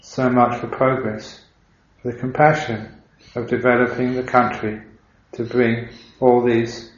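An Englishman who is a Buddhist monk, giving a dharma talk in an unhurried, reflective storytelling way with gentle humor. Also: medium pitch, flat delivery. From England. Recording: dull, roomy recording.

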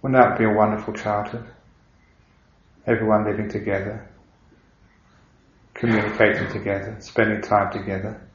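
An Englishman who is a Buddhist monk, giving a dharma talk in an unhurried, reflective storytelling way with gentle humor. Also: fairly low pitch, little pitch movement, slight background noise. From England. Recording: dull, roomy recording.

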